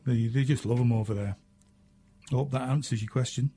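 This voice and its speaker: A man's voice: mid-range voice, brisk, warm tone, slightly rough. A man with a Northern English accent hosting a radio show, chatting casually and answering listener questions with plenty of ums and uhs. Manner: chatty, self-mocking, frequent ums and uhs.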